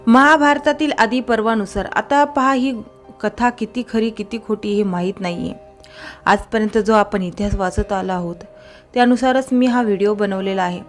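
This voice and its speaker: A woman narrating an old legend at a middle pitch, in a relaxed, chatty storytelling manner. She sometimes stumbles over a word and corrects herself. Soft music plays faintly underneath her voice. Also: normal speed. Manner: conversational, with small slips and self-corrections.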